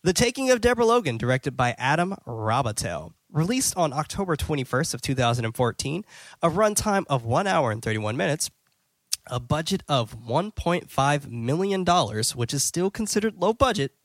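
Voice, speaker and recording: A man's voice: a little high, big pitch swings, moderate pace, no room sound. A man hosting a casual movie-review podcast, recapping a plot in a loose, filler-heavy way and swearing now and then. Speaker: podcast host.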